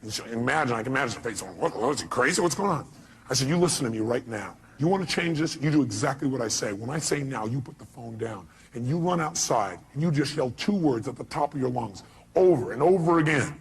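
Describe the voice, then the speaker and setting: A man giving a motivational seminar talk, animated and acting out the voices he quotes, sometimes shouting. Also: medium pitch, fast talker. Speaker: motivational speaker.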